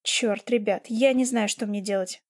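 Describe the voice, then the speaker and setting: A woman's voice: mid-range voice, steady tone, moderate pace, natural voice. A nervous, pleading young man read by a woman. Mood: anxious. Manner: anxious, pleading.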